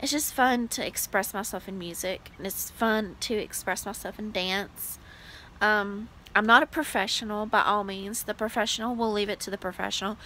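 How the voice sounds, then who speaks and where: A woman's voice: mid-range voice, normal speed, pushed and bright, a little hiss or hum, rough recording. A woman in her late twenties chatting casually to her vlog viewers, gushing and full of "like" fillers. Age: 20s. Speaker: vlogger. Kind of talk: casual vlog chat to camera.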